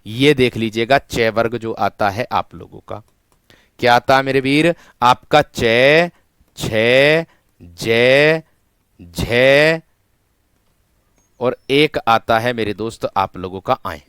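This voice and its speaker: Man, online exam tutor, smooth clear voice, dry close sound, repetitive question-and-answer teaching. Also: mid-range voice, normal speed, a bit bright, dry recording. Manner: repetitive call-and-response questioning, addressing students as friend. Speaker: Hindi teacher for exam prep. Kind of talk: online exam-prep lecture.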